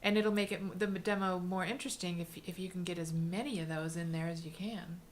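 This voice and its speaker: A woman guest on a talk show, speaking in a measured way about voice work. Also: lowish voice, fairly even intonation, a little hiss or hum. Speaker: guest voice artist. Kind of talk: casual chat.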